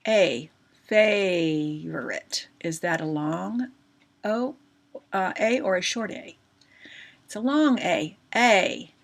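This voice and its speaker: A woman teacher giving a recorded grammar lesson, patient and slow, often checking in with questions to her students. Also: medium pitch, lively intonation.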